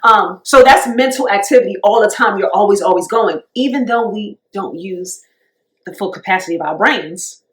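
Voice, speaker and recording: A woman co-hosting a podcast, chatting casually about faith and rest in long, animated run-on thoughts. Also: medium pitch, moderate pace. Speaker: podcast co-host.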